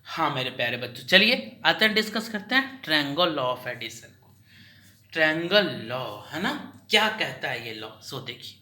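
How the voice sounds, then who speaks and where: In a recorded class lecture, a man teaches slowly in a bright, slightly tense, fairly high, sing-song voice. He repeats each point and fires off questions he answers himself.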